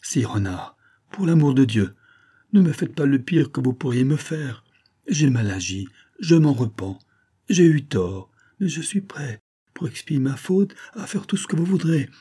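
A man's voice: fairly low pitch, sing-song, moderate pace, dark tone, slightly rough. A man voicing a miserly peasant who weeps and pleads for mercy, in a storybook reading. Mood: pleading, tearful. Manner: pleading, tearful.

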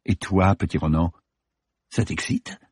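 A man's voice: sits low, a little slow, darkish tone, breathy edge, no echo, clean studio sound. A man reading an audiobook, voicing a female police officer who talks in a teasing, then cold and cutting way.

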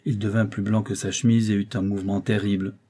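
Man reading an audiobook, deep and husky, dark mellow tone. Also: flat delivery. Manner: measured storytelling delivery. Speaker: audiobook narrator. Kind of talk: scripted narration.

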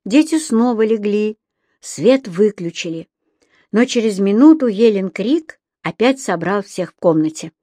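A woman narrating a children's bedtime story in a slow, gentle way. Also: mid-range voice, lively intonation, no echo, studio quality.

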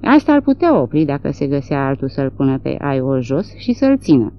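A woman voicing a rough, hurried country man. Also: extremely low pitch, very animated, lo-fi sound, slight background noise, exaggerated voice. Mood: dismissive.

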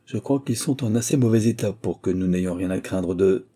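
A man reading an audiobook, voicing a brash young army officer who speaks briskly and mocks himself. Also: sits low, mellow, slightly rough. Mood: dry.

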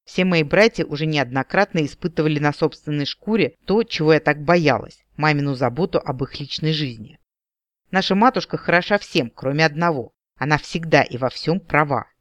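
A man narrating a first-person fantasy audiobook with an expressive reading. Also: on the high side, moderate pace, no echo. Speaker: audiobook reader. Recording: dry home-studio reading.

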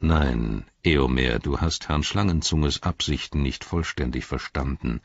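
A man playing a stern old wizard with a very deep, husky, measured voice. It sits dry and close, with a slightly dull sound. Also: dry recording. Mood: grave. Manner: low, grave, measured.

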